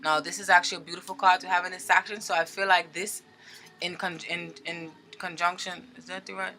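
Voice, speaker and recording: A woman giving a casual tarot reading, chatty and animated, often checking in with her listeners. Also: lowish voice, brisk, faint music behind. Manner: chatty, animated, with filler words and frequent "okay?" check-ins. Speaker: tarot reader.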